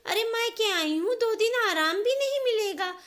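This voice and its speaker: A woman voicing a spoiled, sulky young married daughter who complains in a whiny, shrill way. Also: expressive, normal speed, fairly bright tone. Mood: petulant angry.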